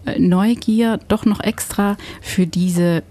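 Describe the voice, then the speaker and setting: A woman's voice: medium pitch, fairly even intonation, slow pace, warm tone. A woman from Belgium hosting a casual radio chat, searching for words and laughing often. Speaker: radio host.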